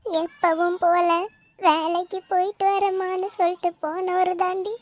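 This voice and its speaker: A woman's voice: extremely high pitch, flat delivery, measured pace, darkish tone, no room sound. A woman voicing a grieving middle-aged mother in a cartoon, with a Tamil Nadu accent, talking in a tearful, sorrowful way. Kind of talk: cartoon voice acting.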